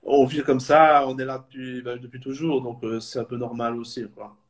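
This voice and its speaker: A Belgian man in his thirties speaks as a supporters club guest in a casual video call interview. His voice is medium-pitched and level, at a moderate pace, and he sounds hesitant, full of fillers and restarts.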